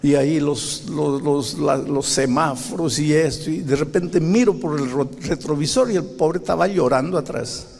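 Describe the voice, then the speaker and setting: A man's voice: fairly high pitch, moderate pace, creaky, hardly any pauses, darkish tone, in a large hall. A man, a pastor telling a story in a sermon, talking conversationally and pressing his listeners with rhetorical questions. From Peru.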